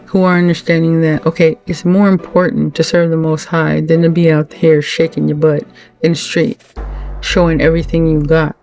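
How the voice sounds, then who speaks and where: A woman speaking earnestly to her supporters, religious and heartfelt, often halting and restarting her sentences. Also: low voice, flat delivery, a little mellow, faint music behind. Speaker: channel host, wife of the late channel owner. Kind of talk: heartfelt thank-you talk to supporters.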